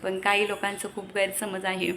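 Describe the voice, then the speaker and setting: A young mother from Maharashtra talks to her viewers on a phone camera at home, breaking off to scold her kids. Her voice is bright and clear, with a faint hum of room noise behind it. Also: medium pitch, completely flat delivery, moderate pace. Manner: chatty, scolding her kids between asides. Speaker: vlogger and mother of two. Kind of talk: casual family vlog chat to viewers. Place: home with a gallery.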